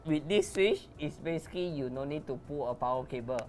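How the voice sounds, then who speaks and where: A woman's voice: sits low, a little fast, darkish tone, faint music behind. A woman product specialist explaining network storage gear in a patient, matter-of-fact way.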